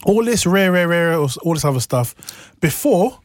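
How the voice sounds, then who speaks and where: Man, urban London accent, fairly high voice, casual slangy chat with emphatic repetition, dry close sound. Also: lively intonation, normal speed, no room sound. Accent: London, urban street English. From northwest London, England. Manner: repeats phrases for emphasis, slangy.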